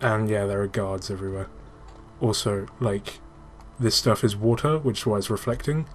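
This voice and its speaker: Here a man with a fairly low, steady voice hosts casual gaming commentary at a normal pace, cursing freely as he eagerly explains the game he's playing. The room recording carries obvious noise.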